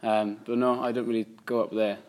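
Lowish-voiced young Cardiff Welsh man. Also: little pitch movement, brisk, darkish tone, slight background noise. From Cardiff, Wales. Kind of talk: casual unscripted chat.

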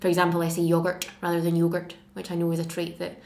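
Brief: a young Scottish woman with a Glaswegian accent, slightly low voice, reads aloud measured. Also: completely flat delivery, gravelly, darkish tone. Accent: Glasgow Scottish. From Scotland. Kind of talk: reading a passage aloud, then casual self-introduction.

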